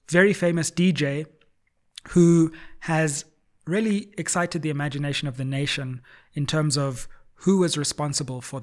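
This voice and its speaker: Male news-explainer host, South African accent, slightly high voice, emphatic and dramatic delivery. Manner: dramatic, emphatic, deliberate phrasing with stressed key words. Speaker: host of a news and politics show. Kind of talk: news explainer commentary to viewers.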